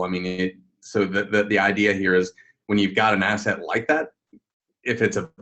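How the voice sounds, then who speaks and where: A man with a very low voice co-hosts a live webinar. He explains ideas in a measured, thoughtful way over a video call. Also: fairly bright tone. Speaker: webinar co-host.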